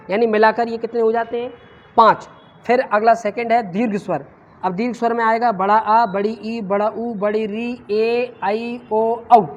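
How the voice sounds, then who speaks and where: A woman teaching Sanskrit in a classroom lecture, quizzing her students and answering her own questions, sometimes stretching sounds out to demonstrate them. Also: on the high side. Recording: muffled lo-fi with faint noise.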